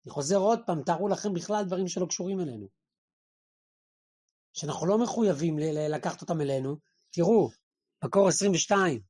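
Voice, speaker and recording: A man giving a Torah lesson to a group, animated, firing rhetorical questions and acting out the voices he quotes. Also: fairly high pitch, long pauses, slightly rough. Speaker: religious teacher.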